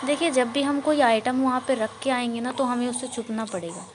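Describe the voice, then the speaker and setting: A woman's voice: on the high side, brisk, very noisy. A woman with an Indian accent hosting a horror game playthrough, chatting and teasing the ghost, with bits of English. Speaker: gaming video host. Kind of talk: playing a horror game on camera.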